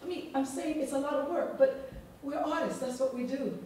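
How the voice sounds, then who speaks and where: A woman's voice: high-pitched, fairly quick, warm tone. Emphatic woman in an echoey hall. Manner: emphatic, repeats herself. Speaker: symposium audience speaker. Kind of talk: open forum remarks. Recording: distant mic in echoey hall, faint noise.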